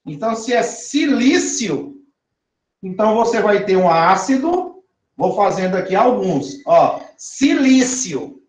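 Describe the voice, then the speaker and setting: A man's voice: high-pitched, very animated, slow pace. A man teaching chemistry, drawing out words and often checking that his listeners follow. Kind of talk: recorded classroom lesson. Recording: echoey room.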